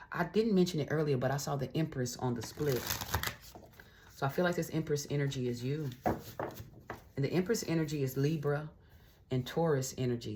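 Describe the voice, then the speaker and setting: A woman's voice: extremely low pitch, noisy background. A woman tarot reader giving a casual, encouraging reading straight to camera. She talks in a chatty way, often adding little check-ins and fillers, and keeps an uplifting spiritual tone. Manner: spiritual, uplifting pep-talk tone.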